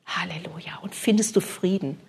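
A woman's voice: medium pitch, animated, normal speed, slight background noise. A woman preaching fervently at a healing service, often dropping to a whisper and repeating hallelujah. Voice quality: breathy, often drops to a whisper. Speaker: preacher leading a healing prayer session. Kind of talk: charismatic sermon and prayer ministry.

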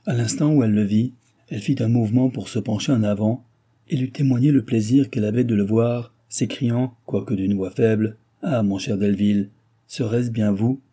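A man narrating a classic novel aloud in a measured, even literary style. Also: mid-range voice, husky. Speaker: audiobook narrator.

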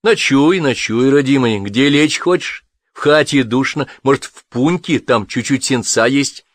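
A man's voice: medium pitch, measured pace, no echo, pitched above the performer's own voice, natural voice. A welcoming old village woman, as a male reader puts her on, lifting her voice well above his own with a sing-song, doting lilt. She sounds close and dry, with no room around her.

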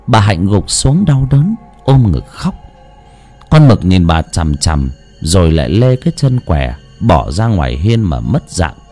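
A man narrating a ghost story in a slow, ominous, dramatic style. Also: on the low side, warm tone, husky. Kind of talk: scripted horror narration.

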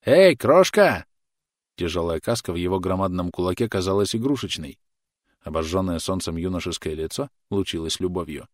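Casting: male audiobook reader, low voice, dry close recording, measured delivery. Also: fairly even intonation, dry recording. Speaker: audiobook narrator. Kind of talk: scripted narration.

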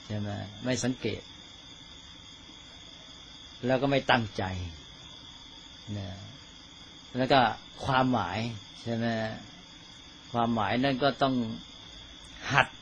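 Teaching fellow monks informally about the dharma, this Buddhist monk uses a mid-range voice with a steady tone. His delivery is slow and deliberate, he often checks that listeners follow, and there's a little hiss or hum.

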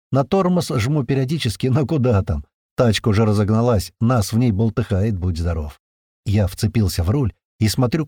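A man reads a first-person action story in a tense, lively telling. His pitch rises and falls a lot, and his mid-pitched voice sits up close in a dry sound. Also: slightly rough, no echo. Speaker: narrator. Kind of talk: first-person audiobook narration.

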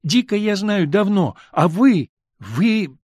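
A man voicing a torn, gentle woman. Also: high voice, very animated, slow, no echo, studio quality, pitched above the performer's own voice, heavily acted. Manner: earnest, wavering, pleading. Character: gentle, confused woman torn between two men.

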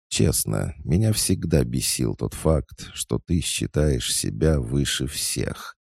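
A man's voice: a bass voice, vocal fry, dark tone, dry recording, studio quality, pitched above the performer's own voice, full character voice. A man voicing a haughty, jealous young woman who speaks in a cold, threatening way.

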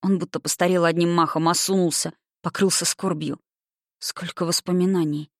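A reader narrating a historical romance audiobook in a measured, expressive way. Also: mid-range voice, dry recording, studio quality.

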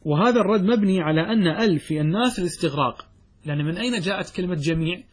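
A man's voice: sits high, lively intonation, rapid-fire, slightly rough. A man teaching a lesson on Arabic grammar, reading the text aloud and explaining it step by step, often putting questions to the class and answering them himself.

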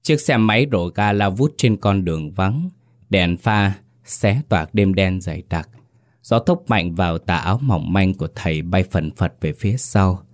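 A man narrating a horror story in a measured, suspenseful storytelling voice. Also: deep voice, no echo, clean studio sound.

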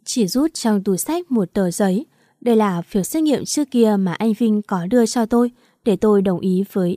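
A woman narrating a first-person story aloud in a steady, even reading. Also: mid-range voice, no room sound, studio quality. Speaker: audiobook narrator.

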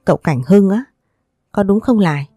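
A woman's voice: low-pitched, normal speed, no echo, soft background music. A woman voicing a kind young mistress of a wealthy house, soothing and coaxing as she speaks. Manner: gentle, soothing, persuasive.

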